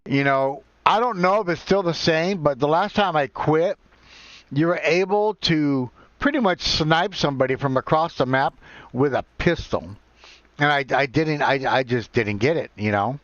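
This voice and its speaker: A man in his forties chatting casually and haltingly while live-streaming a game, rambling and self-deprecating. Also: fairly high pitch, fairly bright tone, dry recording. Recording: dull lo-fi, dry sound.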